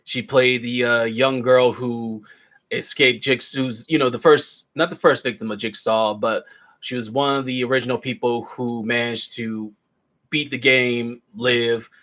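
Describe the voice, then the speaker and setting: A man's voice: mid-range voice, steady tone, measured pace, a bit bright. A man giving a casual, rambling film review, retelling the plot loosely with plenty of asides. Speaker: movie reviewer.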